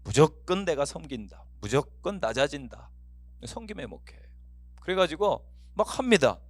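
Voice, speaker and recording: Middle-aged male pastor, lively storytelling lecture, pitch swinging up and down, dry close sound. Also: moderate pace, dry recording. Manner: lively storytelling with anecdotes and acted quotes.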